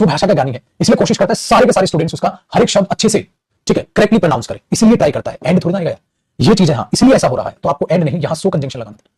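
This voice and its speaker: Male grammar teacher, mellow slightly high voice, dry close sound. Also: slightly rough, no room sound. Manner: calls students "beta", reads sentences slowly. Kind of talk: exam error-spotting lesson.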